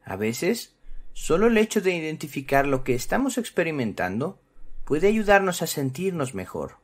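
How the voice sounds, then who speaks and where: A man's voice: fairly high pitch, big pitch swings, normal speed. A man presenting scripted narration for children, instructive and speaking to them directly. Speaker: presenter of a children's psychology channel.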